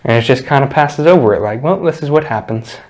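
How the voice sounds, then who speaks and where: A man's voice: mid-range voice, expressive, fast talker, darkish tone. A man with an ordinary mid-range voice runs a casual movie chat. He teases his co-host and jokes his way through the plot summary. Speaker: podcast co-host.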